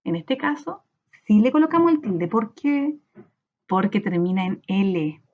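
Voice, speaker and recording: A woman teacher with a Chilean Spanish accent, giving a recorded lesson and sounding out syllables slowly. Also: mid-range voice, very animated, narrow, tinny audio. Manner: slow, sounds out syllables in a drawn-out voice.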